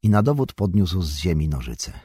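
Male audiobook narrator, low voice, breathy, dry close mic, calm reading. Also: normal speed, no room sound. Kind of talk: scripted narration.

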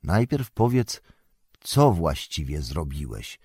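A man voicing a stern, commanding old male wizard in a storybook reading, speaking in forceful bursts. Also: a bass voice, big pitch swings, takes it slowly, breathy edge, dry recording, clean studio sound, pitched below the performer's own voice, heavily acted.

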